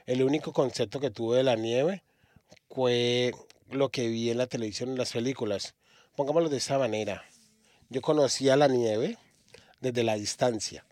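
A male preacher from Australia delivers a sermon at a middle pitch, often pausing and repeating words as he gathers his thoughts. The voice is close and dry, with hardly any room sound. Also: darkish tone, no room sound. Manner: halting, frequent restarts and repeated words. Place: church.

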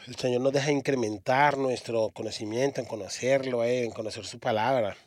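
Halting male preacher, dry sound. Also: mid-range voice, no echo. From Australia. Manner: halting, frequent restarts and repeated words. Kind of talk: sermon. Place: church.

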